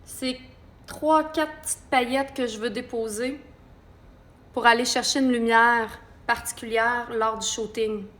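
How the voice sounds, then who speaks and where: A woman's voice: on the high side, fairly even intonation, measured pace, fairly bright tone. A woman with a Québécois accent giving a chatty live makeup tutorial and talking viewers through each step. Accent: Québécois French. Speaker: makeup artist.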